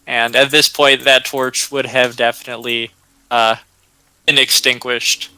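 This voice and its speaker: A man narrating a tabletop game as game master, unhurried and full of ums and uhs. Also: medium pitch, little pitch movement, bright, forceful tone, clean tone, no room sound, low-quality recording.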